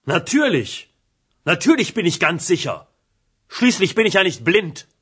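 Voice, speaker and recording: A man's voice: high voice, sing-song, measured pace, fairly bright tone, husky, heavily acted. A man voicing an angry, indignant hotel guest in a language-learning radio drama. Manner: indignant, agitated.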